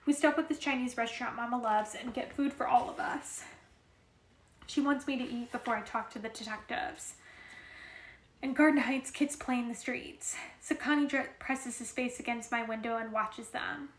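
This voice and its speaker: A woman's voice: on the high side, fairly even intonation, normal speed. A woman reading a novel aloud in a casual way, with occasional restarts. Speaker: reader. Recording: roomy echo.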